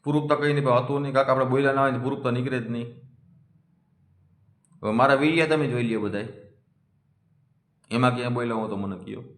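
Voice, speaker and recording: A man's voice: mid-range voice, steady tone, fast, long pauses, fairly bright tone. A man, speaking a defiant, scolding monologue that challenges his critics. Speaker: community vlogger. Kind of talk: confrontational monologue. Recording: echoey room.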